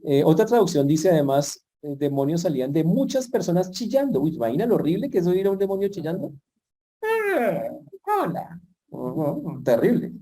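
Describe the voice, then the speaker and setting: A man's voice: on the high side, warm tone. A man preaching a sermon in a conversational way, with playful asides. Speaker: pastor.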